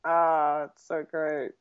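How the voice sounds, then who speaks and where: A woman chats on a casual podcast, excitable and quick to laugh, with swearing sprinkled through her talk. Her voice sits on the low side. The recording is dull and lo-fi. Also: smooth. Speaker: podcast guest.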